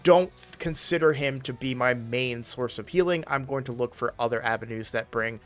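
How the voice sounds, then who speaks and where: A man's voice: mid-range voice, normal speed, soft background music. Chatty man correcting himself as he goes. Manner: chatty, often corrects himself mid-sentence. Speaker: gaming channel host. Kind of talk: casual commentary video. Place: room in his home.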